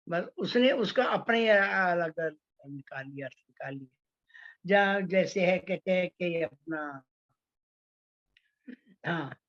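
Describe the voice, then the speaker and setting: A woman teaching poetry, explaining figures of speech slowly with many fillers and restarts. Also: lowish voice, dull audio. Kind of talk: online class on Hindi poetics.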